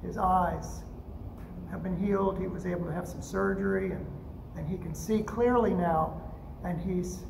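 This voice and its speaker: Older male pastor, higher gravelly voice, gentle pause-filled sermon, roomy church echo. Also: fairly even intonation, noisy background. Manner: gentle, unhurried storytelling with frequent "uh" pauses. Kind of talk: storytelling sermon. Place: church sanctuary at a pulpit. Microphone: pulpit microphone. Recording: echoey sanctuary with faint ambience.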